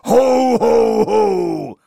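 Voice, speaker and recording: An actor playing Death, a solemn skeletal figure, in a radio play, with a slow, grave, husky voice. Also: male voice, high voice, lively intonation, warm tone, dry recording, exaggerated voice. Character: Death, a skeletal solemn male being posing as Hogfather. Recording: dry studio recording.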